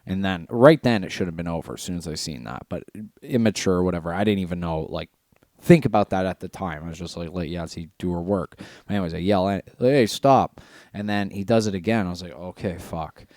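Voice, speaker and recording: Man, very deep voice, blunt, profane, casual podcast chat, dry close sound. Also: fast talker, a little mellow, dry recording. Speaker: podcast co-host.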